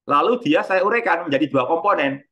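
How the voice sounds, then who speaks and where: A man's voice: on the high side, animated, fairly quick, bright, forceful tone, lo-fi sound. A middle-aged man teaching a physics class. He speaks in a loose, conversational style, repeats points and poses questions to the students before answering them himself. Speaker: physics lecturer. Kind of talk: university lecture.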